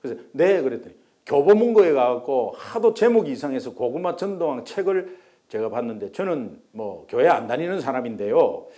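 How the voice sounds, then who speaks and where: A man's voice: mid-range voice, sing-song, normal speed, mellow. A middle-aged man from Korea preaching a sermon as pastor, telling a story and acting out the voices of the people in it.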